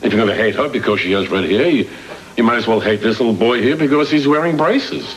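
Actor as an animated, earnest, awkward doctor. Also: male voice, medium pitch, slight background noise, close to an everyday voice. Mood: exasperated, pleading. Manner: halting, stammering, pleading. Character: well-meaning, awkward, earnest male pediatrician.

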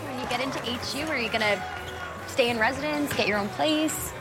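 A woman's voice: sits high, brisk, over music, close to an everyday voice, poor audio. A young woman playing a blunt, confident, teasing best friend in a TV drama. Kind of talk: television drama acting.

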